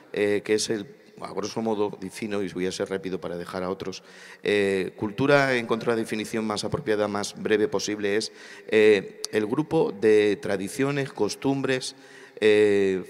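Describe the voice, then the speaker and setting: A man from Spain speaking at a church congress panel, preacherly, repeating phrases for emphasis. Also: on the low side. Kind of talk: impassioned church panel talk. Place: large congress hall. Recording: hall reverb.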